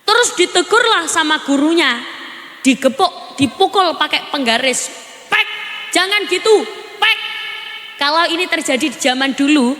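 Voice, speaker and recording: A high-voiced woman preacher gives a lively sermon, quizzing the crowd and teasing them. She speaks into a hand mic over a PA. The sound rings through a large, roomy hall with a long reverb and faint noise behind. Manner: animated, asks the audience questions and teases. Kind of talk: lively village sermon with jokes and crowd questions.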